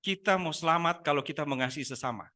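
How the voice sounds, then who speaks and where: Lively, bright-voiced male preacher. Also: on the high side, quick pace. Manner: lively, rhetorical questions, acts out prayers and dialogues. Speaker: pastor. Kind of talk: sermon. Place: church sanctuary.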